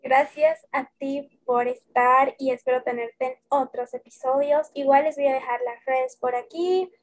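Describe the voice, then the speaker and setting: High-voiced woman hosting a podcast. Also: fairly even intonation, unhurried, poor audio. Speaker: podcast host. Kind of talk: casual podcast chat.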